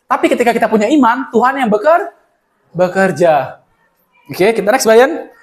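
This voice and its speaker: Young guy giving a casual church talk, high voice, fast and animated. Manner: animated, acts out Bible scenes in slang. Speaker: church speaker. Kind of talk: casual sermon sharing.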